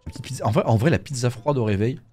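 A man commentating a horror game let's play in a jokey, animated way. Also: mid-range voice, racing, soft background music. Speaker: gaming YouTuber.

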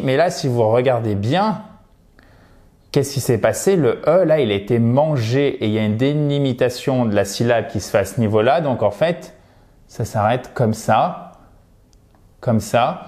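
A man's voice: medium pitch, moderate pace. French-speaking man coaching pronunciation. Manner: lively, coaching, models words by repeating them. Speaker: English teacher. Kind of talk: online pronunciation lesson.

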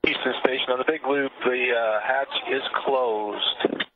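A man's voice: medium pitch, steady tone, unhurried. Male crew member, clipped radio calls through a crackly space radio link; tinny, faint hiss. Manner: clipped radio procedure talk. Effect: crackly space-to-ground radio link. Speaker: crew member calling mission control.

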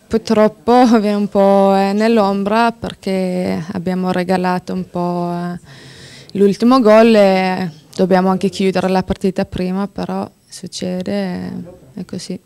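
Young female goalie, even and low-key after the game. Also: takes it slowly, gravelly, smooth. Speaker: football goalkeeper. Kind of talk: post-match interview. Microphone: handheld mic held by interviewer.

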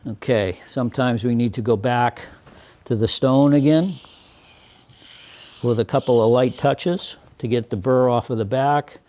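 Older man with a mellow voice explaining carving. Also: medium pitch, slight background noise. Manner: deliberate, explanatory, with frequent fillers and restarts. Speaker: woodworking instructor. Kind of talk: hands-on demonstration. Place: woodworking workshop at a bench.

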